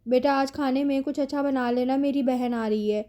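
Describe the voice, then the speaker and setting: A woman's voice: high-pitched, fairly even intonation, mellow, lightly acted. A woman reading as a worried middle-aged mother.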